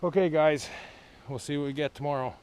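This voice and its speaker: A man's voice: fairly high pitch, a little fast, very noisy. A man out of breath after a hard walk in, narrating a casual outdoor vlog at a pond in a plainspoken, rambling way, recorded on an action camera. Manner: plainspoken, rambling, matter-of-fact. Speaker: trapper filming his own channel.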